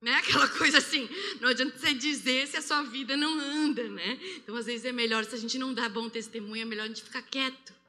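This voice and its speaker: Bright-voiced Brazilian woman preaching. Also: fairly high pitch, fast, few pauses. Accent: Brazilian Portuguese. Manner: animated, acts out quoted voices. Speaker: preacher giving testimony. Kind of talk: testimony sermon. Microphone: handheld microphone. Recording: long hall reverb.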